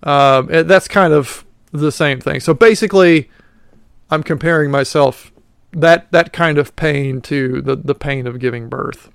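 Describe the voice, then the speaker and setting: A man in his late thirties talks through a casual solo podcast. He rambles and pokes fun at himself, with plenty of fillers along the way. His voice is smooth and resonant, recorded dry and close to the mic. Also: a little high, measured pace, no room sound. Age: 30s. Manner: rambling and self-mocking, with many fillers. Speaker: podcast host.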